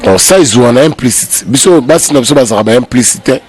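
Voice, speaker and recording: A Congolese man from the DRC appears as a guest commentator in a heated political debate, speaking emphatically and repeating his key phrases. His mid-range, darkish voice is expressive and quick, and it climbs as he argues.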